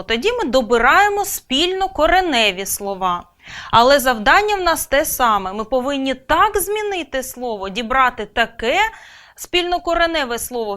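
A woman teaching a grammar lesson, speaking clearly and deliberately and stressing key words. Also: sits high, bright, forceful tone.

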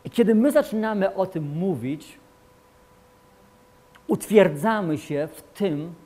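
A man preaching a sermon as pastor, emphatic and repetitive, swinging between loud declarations and quiet asides. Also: sits high, lively intonation, slow.

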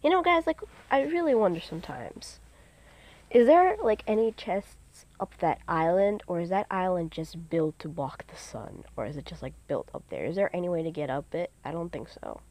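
A woman's voice: lowish voice, very animated, moderate pace, hardly any pauses, darkish tone. A teenage girl giving casual let's-play commentary, rambling and giggly with lots of "like" fillers, recorded on a phone mic. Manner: hyper and giggly. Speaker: gaming channel host. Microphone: phone screen recording mic.

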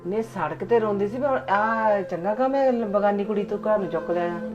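A woman's voice: mid-range voice, normal speed, dull audio, close to an everyday voice. Brief: a woman plays a plainspoken mother, blunt and caring, background music behind. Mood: doubtful. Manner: blunt, scolding, then motherly. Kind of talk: scripted Punjabi skit.

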